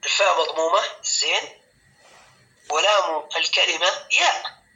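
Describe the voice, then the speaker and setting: High, bright-toned male grammar teacher. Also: poor audio. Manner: patient, repeats words slowly and checks understanding with questions. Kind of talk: explanatory classroom lesson.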